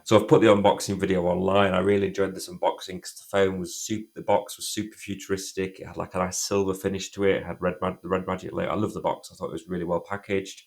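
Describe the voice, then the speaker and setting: A tech reviewer with a cold goes over a phone in a croaky, gravelly voice. He speaks fast and casually, very low and flat, frequently restarting sentences.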